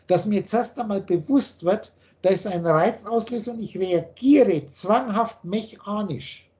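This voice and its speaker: A man's voice: high voice, a little slow, darkish tone. A man teaching in a video call, blunt and preachy, firing off rhetorical questions. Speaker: spiritual teacher.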